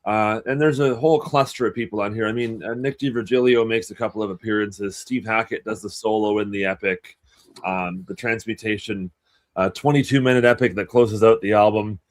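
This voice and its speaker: A man's voice: on the low side, steady tone, brisk. A man in his twenties co-hosting a podcast panel, gushing earnestly and restarting his sentences. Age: 20s. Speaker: co-host. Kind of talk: casual panel chat.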